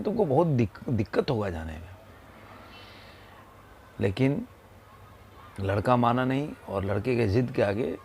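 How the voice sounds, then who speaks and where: A man telling a moral story in a slow, unhurried way, pausing often between phrases, with a Hindi accent. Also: lowish voice, darkish tone, a little hiss or hum. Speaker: motivational speaker.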